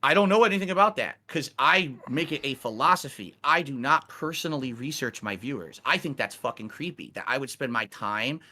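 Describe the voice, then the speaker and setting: Streamer host, man, 40s, bright voice, defensive and emphatic, swears freely. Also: mid-range voice, animated, brisk, few pauses. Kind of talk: heated call-in debate.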